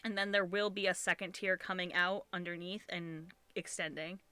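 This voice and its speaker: A woman's voice: fairly low pitch, steady tone, normal speed, bright, forceful tone, clean tone, no room sound. A young adult woman streaming, chatting casually while she sews and thinking aloud in a chatty, repetitive way. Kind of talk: casual live-stream chat while sewing.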